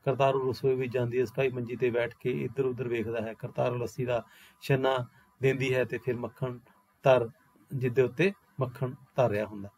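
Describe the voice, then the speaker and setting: A male college lecturer reading a one-act play aloud. He gives the stage directions in a plain, steady voice at a middle pitch. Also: brisk, dry recording.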